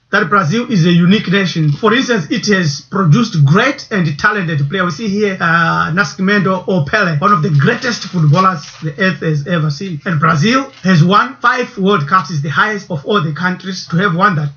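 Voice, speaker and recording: A man's voice: high voice, expressive, sharp tone. Man narrating a documentary, lo-fi. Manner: measured, posing rhetorical questions.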